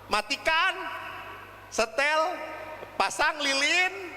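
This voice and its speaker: Lively high-voiced priest preaching. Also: male voice, extremely slow. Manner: humorous anecdotal storytelling; acts out voices in the stories. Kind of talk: sermon. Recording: reverberant hall with faint noise.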